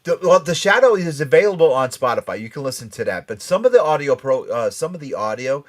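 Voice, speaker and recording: A podcast and radio host, this man has a fairly high voice with big swings in pitch and talks fast. He runs a casual pop culture chat show, rambling along with enthusiasm and emphasis.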